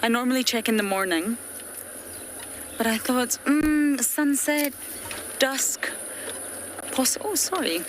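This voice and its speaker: A woman's voice: sits high, slow, pauses often. A woman from Scotland with a Scottish accent, a safari guide chatting earnestly to viewers during a live game drive. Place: open safari vehicle outdoors in the bush at dusk. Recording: outdoor bush ambience and vehicle noise.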